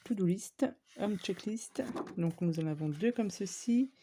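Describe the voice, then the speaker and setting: In a noisy setting, a woman with an unhurried, mid-range voice presents a shopping haul of craft supplies for her scrapbooking vlog. She talks to viewers in a relaxed way, peppered with fillers and asides.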